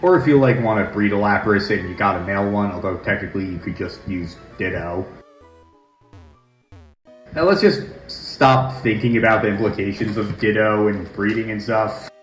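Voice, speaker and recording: A man's voice: on the low side, moderate pace, faint music behind. A man giving casual, joking gameplay commentary as a let's play host, recorded in a large, echoey room at home. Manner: joking, chatty asides.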